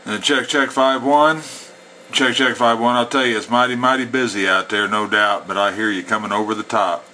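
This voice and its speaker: Working a CB radio, a man speaks with a mid-range voice, steady tone, and moderate pace. His manner is folksy and slang-heavy as he alternates radio calls with casual explanation, while CB static and chatter fill the background.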